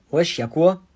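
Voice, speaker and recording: A man voicing a strict mother who loudly scolds her son. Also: on the high side, breathy edge, exaggerated voice. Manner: loud, scolding.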